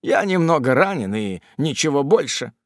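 A man's voice: a little high, very animated, normal speed, dry recording, studio quality. A man as a tender, pleading young suitor. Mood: soothing. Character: sentimental young gentleman, lightly wounded, tender suitor. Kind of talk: audiobook character voice.

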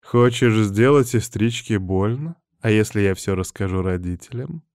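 A man's voice: lowish voice, normal speed, darkish tone, dry recording, clean studio sound, natural voice. Man doing a sly taunting demon girl. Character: demon in a young woman's body, teasing and mocking.

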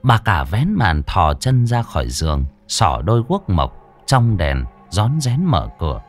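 A man's voice: low voice, unhurried, soft background music. A man narrating a horror folk tale in a dramatic storytelling style. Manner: animated, swooping delivery. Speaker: audiobook narrator.

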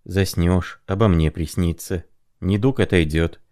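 A man reading aloud, voicing a gentle, mysterious young woman who soothes and coaxes in a soft manner. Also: low voice, measured pace. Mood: wistful. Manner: soft, caring, coaxing.

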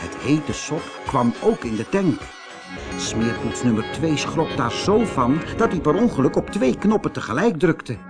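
Man, storybook narrator, animated, wide-ranging pitch, faint music. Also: unhurried. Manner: expressive, animated reading.

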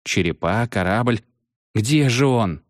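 A man voicing a scared, rude seventh-grade schoolboy in an audiobook, shouting in a frantic panic. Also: mid-range voice, lively intonation, slow, no echo, studio quality. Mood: anxious. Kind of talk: audiobook character voice.

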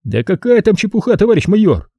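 A man's voice: high-pitched, very animated, quick pace, mellow, no echo, pitched above the performer's own voice, full character voice. A man putting on a cheeky, sly young army captain. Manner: cheeky, wheedling, raised voice. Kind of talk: audiobook character voice.

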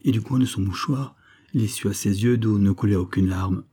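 Deep husky male audiobook narrator. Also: normal speed, dark tone. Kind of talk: novel reading.

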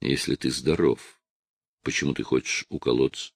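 A man voicing a weary middle-aged police officer who answers his son quietly and firmly. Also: very deep voice, steady tone, creaky, dry recording, studio quality, voice pushed down, exaggerated voice. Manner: quiet, firm and measured.

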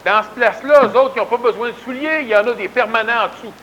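Fast and a little bright, this very high male voice belongs to a spiritual lecturer with a Québécois French accent. He keeps his talk conversational, folksy and insistent, repeating words to stress them. The audio is poor, with a little hiss or hum.

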